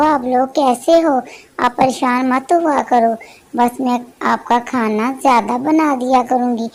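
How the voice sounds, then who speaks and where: Woman doing a gentle cartoon sparrow mother. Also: high voice. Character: kind female sparrow mother.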